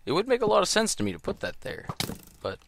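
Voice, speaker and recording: A man's voice: high voice, huge pitch swings, fast talker, vocal fry, fairly bright tone, a little hiss or hum. A man giving casual gameplay commentary in a groggy early-morning voice, rambling and hesitant. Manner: rambling, hesitant, full of ums and trailing thoughts.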